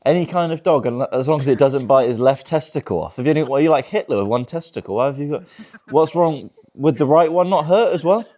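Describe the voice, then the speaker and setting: A man in his twenties does stand-up in a virtual-reality show, working the crowd with crude teasing and frequent laughter. His voice sits on the high side, is dark in tone, and moves fast.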